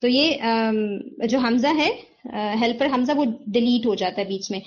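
A woman's voice: fairly high pitch, measured pace, dull audio. A woman teaching Quran recitation rules, patiently quizzing her students and confirming their answers as she explains, mixing in English terms.

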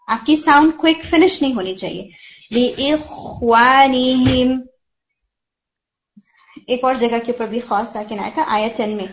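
A woman teacher giving patient, detailed feedback on Quran recitation, explaining pronunciation step by step. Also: on the high side. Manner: patient, explanatory, mixes English terms. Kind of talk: tajweed feedback lesson. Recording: dull lo-fi audio with faint hiss.

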